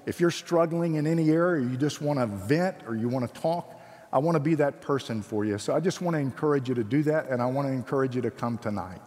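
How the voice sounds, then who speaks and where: A man's voice: medium pitch, quick pace, a little mellow. A man with a Georgia Southern accent preaching to students as a guest missionary speaker, earnest, encouraging and plain-spoken. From Georgia, United States. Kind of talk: sermon to students with scripture readings. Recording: echoey hall with long reverb.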